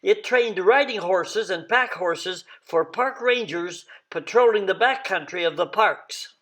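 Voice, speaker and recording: A man with a notably high-pitched speaking voice acts as presenter. He introduces songs in a halting way, stopping often to hesitate between phrases. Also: sharp tone. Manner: halting, with frequent long hesitations and "uh".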